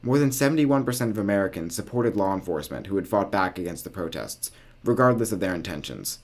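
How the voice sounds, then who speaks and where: Lively low-voiced man narrating history. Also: quick pace. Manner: storytelling with casual, wry asides. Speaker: podcast host.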